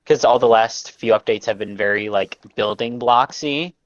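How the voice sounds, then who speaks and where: A man's voice: mid-range voice, moderate pace, no echo. A man co-hosting a live gaming stream, rambling eagerly about game updates with plenty of laughter. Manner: excited, rambling gamer talk with frequent laughs. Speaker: gaming podcast co-host. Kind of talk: casual live-stream chat. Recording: dull lo-fi stream audio.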